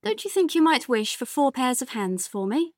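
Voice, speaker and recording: Man putting on a high-pitched, inquisitive old lady. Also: big pitch swings, moderate pace, no echo, studio quality. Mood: amused. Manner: persistent, teasing questions. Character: inquisitive, playful old lady, wife and mother. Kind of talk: dramatised storybook character reading.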